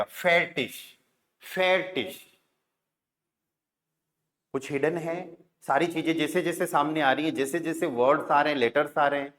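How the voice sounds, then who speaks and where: A Hindi-speaking man teaches German pronunciation rules in a classroom, spelling words letter by letter and sounding them out slowly. He often asks "right?" and "okay?" in a voice that is a little high and fairly bright.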